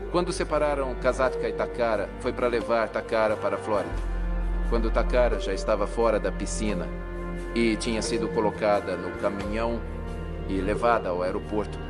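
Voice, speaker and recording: A man recounting events in a documentary interview. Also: on the low side. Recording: prominent music behind the voice.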